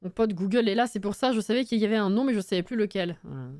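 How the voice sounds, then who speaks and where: A woman's voice: mid-range voice, quick pace, darkish tone, dry recording, clean studio sound. A young woman chatting casually on a live stream while building in a game, reading chat aloud, swearing and laughing often.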